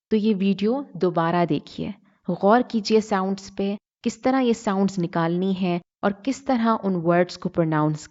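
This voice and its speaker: A woman teaching English pronunciation in a deliberate lesson style, repeating words to model the sounds and mixing in English phrases. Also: medium pitch, a little mellow, lo-fi sound. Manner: switches between Hindi-Urdu and English phrases. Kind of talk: slow instructional lesson.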